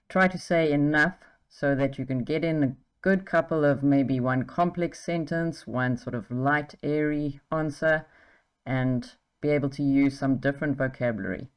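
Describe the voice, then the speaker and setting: Speaking in a rumbling low, slightly mellow voice, this South African woman teaches English with exam tips. She stays encouraging throughout, often saying "okay" and "right" to check in.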